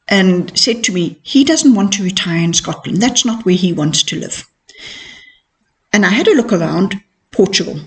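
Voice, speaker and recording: A middle-aged woman who says her R's softly, like W's, telling her own story as a podcast host in a candid, reflective, self-assured way. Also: medium pitch. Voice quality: cannot pronounce R's properly, softened w-like R. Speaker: podcast host and mentoring coach. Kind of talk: personal storytelling monologue.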